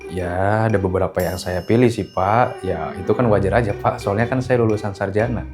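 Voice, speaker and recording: A man voicing a touchy, lazy young male graduate who cannot find work, answering politely in a low murmur. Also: fairly even intonation, fairly quick, darkish tone, faint music behind, natural voice. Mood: sheepish.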